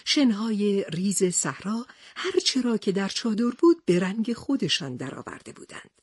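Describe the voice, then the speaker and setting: A woman narrating a children's storybook in an expressive read-aloud manner. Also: mid-range voice, husky, dry recording, clean studio sound.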